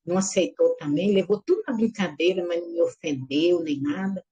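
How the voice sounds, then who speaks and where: A middle-aged woman giving a lively personal religious testimony, acting out the voices in her story and calling her listeners brothers and sisters. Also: fairly low pitch, brisk, breathy edge, highs cut off. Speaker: church member giving testimony.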